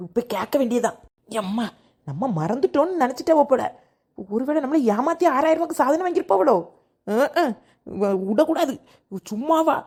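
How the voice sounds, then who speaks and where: A woman voicing a greedy, boastful cartoon aunt who schemes out loud. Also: on the high side, slightly rough. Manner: bragging, scheming monologue. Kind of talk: cartoon voice acting.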